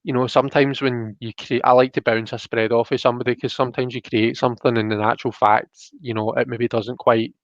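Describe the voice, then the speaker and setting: A medium-pitched man speaks briskly with few pauses and a level tone. As host of a live tarot reading show, he keeps the stream casual but sounds tentative and apologetic. His home audio comes across muffled and roomy.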